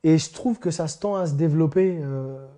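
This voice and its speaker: A man's voice: fairly high pitch, a little fast, warm tone. A man telling an anecdote in an interview, chatty and amused.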